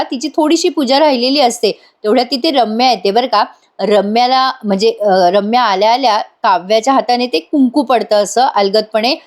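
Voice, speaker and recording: A woman narrates a serial recap over still images, chatting and addressing viewers directly. Her voice sits a little high. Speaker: serial reviewer.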